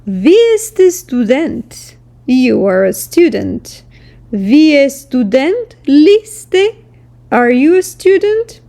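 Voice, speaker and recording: A woman teaching a recorded language lesson, explaining slowly and carefully with example sentences. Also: fairly high pitch, vocal fry, a little mellow.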